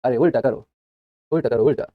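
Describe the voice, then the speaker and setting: A man's voice: medium pitch, a little fast, narrow, tinny audio. A young man teaching a live online class, chatty, joking between facts and repeating answers for students.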